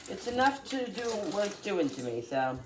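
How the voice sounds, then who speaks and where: Cooking at home, a congested middle-aged vlogger with a cold rambles through casual chat full of fillers. Her mid-range voice is very animated at a normal speed, set against heavy background noise in the kitchen.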